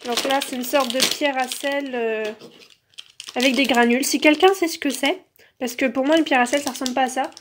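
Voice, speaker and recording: A woman's voice: high voice, steady tone, brisk, noisy background. A woman casually reviewing toys as she unboxes them, filled with "donc" and "euh", recorded on a phone held in one hand. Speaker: toy reviewer.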